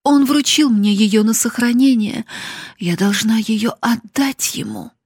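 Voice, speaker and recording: A desperate young daughter begs her father in a raised, husky voice, as a woman reader puts her on. The delivery is slow and the sound is dry and close. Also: no echo. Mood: desperate pleading. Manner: pleading, high and loud.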